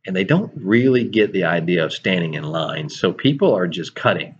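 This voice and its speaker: A man's voice: low-pitched, moderate pace. Storytelling preacher man, muffled audio. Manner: storytelling, animated, with self-deprecating asides. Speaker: preacher and show host. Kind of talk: casual sermon-style chat.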